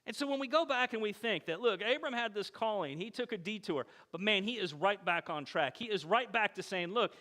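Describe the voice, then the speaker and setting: A man delivers a conversational sermon, animated and storytelling, slipping into quoted voices. His voice sits high and sounds bright and forward. The sound carries the long echo of a church sanctuary. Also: fairly quick, hardly any pauses. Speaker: pastor. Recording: echoey church hall.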